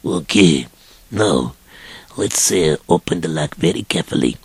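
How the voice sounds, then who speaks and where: A sly horse thief growls out hushed orders in a gravelly, very deep voice. He drawls slowly, with a husky, breathy edge, in a dry, close sound. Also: animated, dry recording, full character voice. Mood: sneaky. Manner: hushed, plotting instructions. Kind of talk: amateur audio storytelling.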